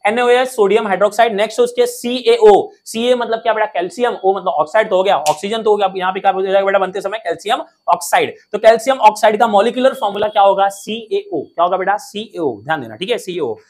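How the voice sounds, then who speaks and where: A man teaching a lesson in a playful, energetic way, quizzing students with call-and-response questions and cracking jokes. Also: high voice, quick pace, few pauses. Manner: jokey, drops rhymes and mnemonics.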